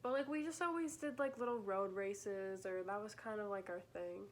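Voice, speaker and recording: A woman's voice: medium pitch, normal speed, a little hiss or hum. A young woman hosting a vlog, chatting casually with many "like"s and "um"s. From Michigan. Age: young adult. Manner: chatty, filler-heavy, laughing. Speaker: vlog host. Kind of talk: casual chat on camera.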